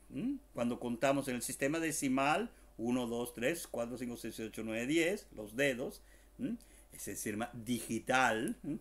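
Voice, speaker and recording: Man teaching, repeating words slowly. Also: medium pitch, fairly bright tone. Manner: explains slowly, repeats words many times, spells letter by letter, jokes aside. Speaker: language teacher. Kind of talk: online language lesson.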